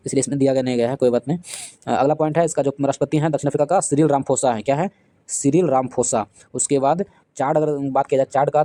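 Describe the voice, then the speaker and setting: A man teaching an exam-prep lesson, quizzing listeners with repeated questions and slowing down to spell out names. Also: mid-range voice, warm tone, dry recording. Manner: drills facts with repeated quiz questions. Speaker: current affairs teacher.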